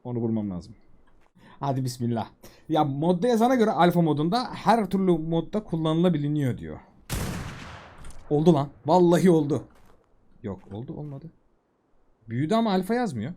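A man giving casual, excitable commentary while playing a video game, talking to himself and the creatures on screen. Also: fairly high pitch, normal speed, pauses often. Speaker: gaming YouTuber.

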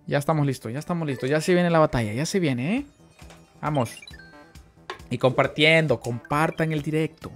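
A young man with a Mexican Spanish accent giving chatty live gameplay commentary, greeting viewers and letting out excitable exclamations. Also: on the high side, normal speed, faint music behind. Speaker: streamer.

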